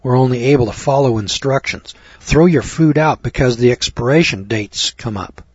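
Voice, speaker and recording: A man's voice: medium pitch, moderate pace, slightly rough, dry recording, muffled recording. An older American man preaching, reading scripture aloud and breaking off into blunt, crude, scornful remarks. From United States. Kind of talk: folksy sermon reading scripture.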